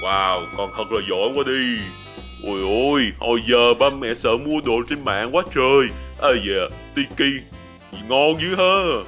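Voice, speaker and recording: A man voicing a doting father in a game role-play video, teasing and animated. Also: mid-range voice, unhurried. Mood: impressed. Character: doting middle-aged father of a boy. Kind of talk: playful role-play banter. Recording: game music playing behind.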